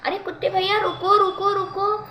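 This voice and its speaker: A woman voicing a small, frightened but clever female sparrow in a children's story, pleading in a high, urgent voice. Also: moderate pace, natural voice. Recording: roomy echo.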